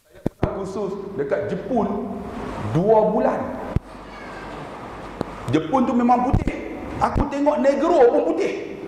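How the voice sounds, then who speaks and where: A man giving a comic sermon in a surau prayer hall, telling jokes and stories in an animated way. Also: very high-pitched, a little slow, long pauses. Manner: animated, joking storyteller. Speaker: religious preacher. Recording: echoey hall with PA noise.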